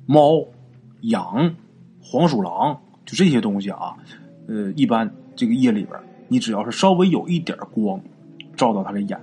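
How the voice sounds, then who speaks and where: A man telling a folk ghost story in a relaxed, chatty way, drawing out his sentence-final particles. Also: medium pitch. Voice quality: conversational, drawn-out particles.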